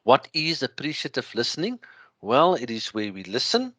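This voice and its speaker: A man with a thick Afrikaans accent lecturing through slides, explaining in a halting way with everyday examples. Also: medium pitch, huge pitch swings, a bit bright, no echo.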